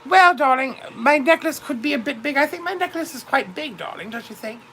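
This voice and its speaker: In a grand, theatrical in-character livestream, a woman portrays a vain, widowed British duchess in her fifties who calls every viewer darling. She speaks in a high voice with lively intonation, fairly quickly and a bit brightly. There's slight background noise.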